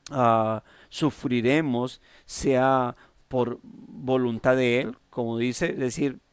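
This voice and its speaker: A man with a Colombian accent preaching a devotional sermon, halting with many restarts and fillers. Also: mid-range voice, clean tone, no echo, clean studio sound. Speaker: pastor.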